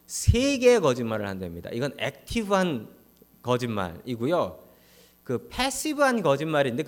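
A man preaching a humorous Sunday sermon as pastor, speaking directly to the congregation and acting out quoted voices. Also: on the high side.

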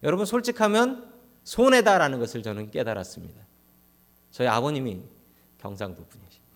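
A man's voice: medium pitch, expressive, brisk. A man preaching a humorous Sunday sermon as pastor, speaking directly to the congregation and acting out quoted voices.

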